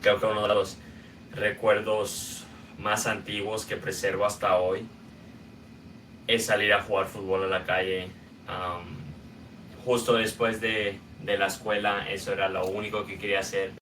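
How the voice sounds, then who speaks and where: Recorded from a distance with faint room hum behind him, a young Guatemalan man hosts a podcast and recounts his own story, relaxed and dotted with small fillers. His delivery is flat, his pitch barely shifting in a fairly low voice that still carries a bright, forward edge.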